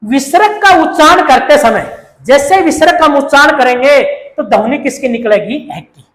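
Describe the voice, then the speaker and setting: A woman's voice: high-pitched, animated, moderate pace. A woman, teaching a grammar lecture. She poses questions and answers them herself, repeating the key terms. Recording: echoey room.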